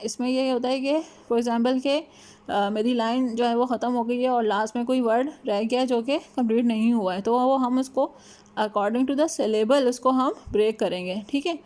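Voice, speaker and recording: Woman, lecturer, mellow higher voice, slow and careful over the English examples, keeps checking in with the class. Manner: mixes Hindi and English, reads English examples slowly; adds "ठीक है" after points. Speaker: teacher. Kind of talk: lecture on punctuation.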